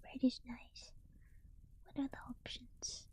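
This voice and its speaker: A sleepy woman whispering softly as she chats with her stream and reads a book aloud. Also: takes it slowly. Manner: soft unvoiced whisper throughout. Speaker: livestream host. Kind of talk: whispered casual stream chat and reading aloud.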